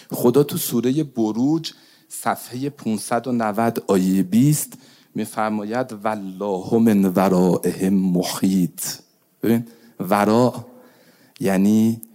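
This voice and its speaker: Man preaching with dark mellow voice. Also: medium pitch. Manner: swings from hushed intimate pleading to raised cries. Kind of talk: religious sermon.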